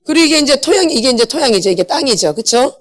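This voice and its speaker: A woman's voice: high voice, big pitch swings, quick pace. A middle-aged woman, a pastor's wife, giving a church healing lecture, asking her listeners questions and repeating the key words back to them. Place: church hall.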